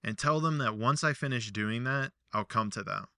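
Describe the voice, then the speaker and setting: A man's voice: medium pitch, moderate pace, creaky, sharp tone, clean tone, no room sound, clean studio sound. A man doing an offhand, all-knowing God. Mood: instructing.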